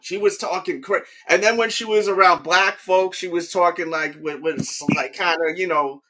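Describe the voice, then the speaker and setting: A man with a high voice talks in loose, casual chat. His tone is bright and forceful. He rambles, restarts his sentences and keeps checking in with his listener. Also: normal speed. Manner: rambling, keeps asking "you know what I mean".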